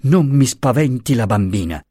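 A man voicing a protective young husband and father in an audiobook, speaking in a restrained, low voice through gritted teeth. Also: expressive, normal speed, warm tone, dry recording, clean studio sound, close to an everyday voice. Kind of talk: audiobook character voice.

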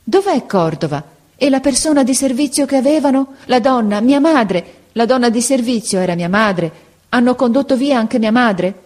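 A woman's voice: on the high side, big pitch swings, normal speed, darkish tone, pitched above the performer's own voice. A woman voicing a young boy in a storybook reading, pleading and eager as he looks for his mother. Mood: distressed.

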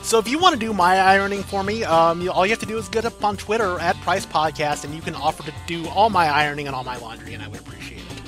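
A man's voice: high voice, fast talker, few pauses, over music. A man hosting a casual podcast, teasing his co-host playfully and giggling often, on a close mic.

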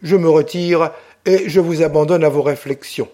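Impatient, mocking official man, read by a male narrator, moderately high voice. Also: fairly even intonation, moderate pace, warm tone, close to an everyday voice. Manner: impatient, condescending.

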